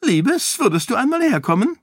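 A fluttery, doting queen, as a man reads her in a high falsetto, gushing sing-song and loud. She keeps the dry, close sound of a studio audiobook. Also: sing-song, moderate pace, slightly rough, no room sound, exaggerated voice. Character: fussy high-voiced older queen, doting.

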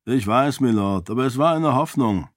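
An earnest laborer, plain-spoken and respectful, as a male narrator puts him on. His voice is set a little higher than the narration. The recording is dry and close. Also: animated, moderate pace, no room sound, lightly acted. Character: earnest grown laborer, a plain hopeful man. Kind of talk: audiobook character voice.

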